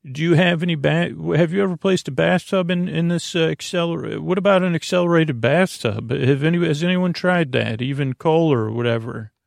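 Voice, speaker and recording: A podcast host with a gravelly voice on the high side does a bedtime podcast, delivering a halting, meandering monologue that keeps drifting into tangents. The audio is clean studio sound with no room sound.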